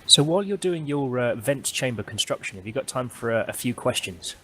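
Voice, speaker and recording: A man co-hosting a live stream, relaying viewer questions in a brisk, plain way. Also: medium pitch, animated, a bit bright, a little hiss or hum. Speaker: co-host reading viewer questions.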